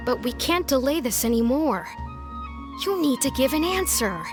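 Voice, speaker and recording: An actress voicing a dutiful young academy clerk who presses politely but firmly, in game audio. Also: female voice, high voice. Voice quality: polite and insistent. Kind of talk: game voice acting. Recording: game audio with clear music.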